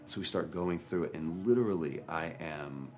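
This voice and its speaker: A man's voice: a bass voice, moderate pace, darkish tone. A male actor in an interview, candidly and reflectively recounting a hard experience. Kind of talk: interview storytelling.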